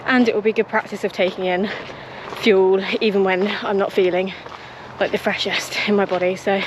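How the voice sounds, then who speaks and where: A British woman running on outdoor trails chats informally to her vlog camera. Her mid-range voice stays level at a moderate pace, against noisy outdoor ambience.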